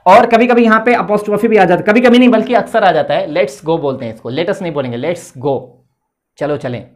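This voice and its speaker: A man's voice: high-pitched, brisk. Male English teacher, tinged delivery, patient board lesson, repeats his check-ins. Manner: repeats "theek hai" often, explains patiently.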